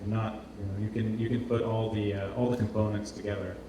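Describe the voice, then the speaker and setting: Here a designer from Portugal presents informally, speaking fairly quickly in a fairly low voice with a level tone. He is tentative, repeating words while he searches for phrasing. The setting is an indoor event space with strong echo, and the live recording sounds distant, roomy and noisy.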